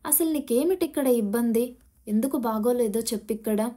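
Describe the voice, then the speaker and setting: A woman's voice: a little high, normal speed, warm tone, natural voice. A woman voicing a stern, worried mother who scolds her daughter firmly, in an audio storybook. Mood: pleading. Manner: scolding, firm.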